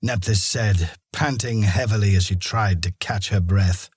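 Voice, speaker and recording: A man narrating a fantasy audiobook in a steady storytelling manner. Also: fairly low pitch, unhurried, slightly rough, dry recording, studio quality. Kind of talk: scripted narration.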